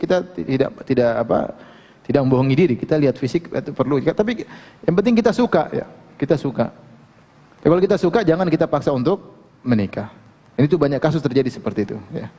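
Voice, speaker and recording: A man giving a relaxed, joking religious lecture, often asking his listeners questions. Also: a little high, in a large hall. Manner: casual, joking, asks the audience questions. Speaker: Islamic preacher.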